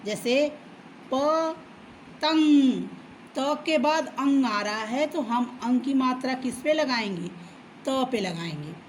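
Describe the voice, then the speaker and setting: A woman teacher patiently explaining a children's lesson, often checking in with a quick okay and drawing words out slowly to sound them out. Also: high-pitched, slight background noise, low-quality recording. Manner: slow, drawn-out syllables when reading words aloud. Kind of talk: children's Hindi alphabet lesson.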